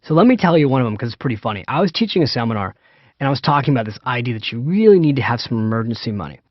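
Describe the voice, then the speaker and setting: A man's voice: mid-range voice, very animated, racing, dry recording, highs cut off. A man reading his own audiobook in a chatty, anecdotal teaching style, speaking straight to the listener. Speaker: author and personal finance teacher. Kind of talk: self-read audiobook, seminar-like teaching.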